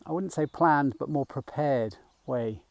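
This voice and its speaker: A middle-aged man talking gently while walking outdoors, a little out of breath, rambling with fillers as he guides a mindfulness practice. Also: medium pitch, a little slow, vocal fry, no room sound, muffled recording. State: slightly out of breath. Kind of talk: casual walking vlog. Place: outdoors in a field by a small woodland.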